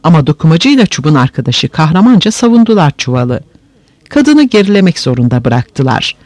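A man narrating a story aloud in an expressive, animated way. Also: fairly high pitch, fairly quick, no echo.

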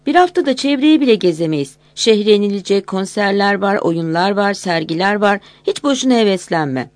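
A woman's voice: medium pitch, expressive, moderate pace, no room sound, natural voice. Woman narrator doing a pushy, fond girlfriend who won't hear of leaving. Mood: teasing. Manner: teasing, insistent. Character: bossy, affectionate young woman friend.

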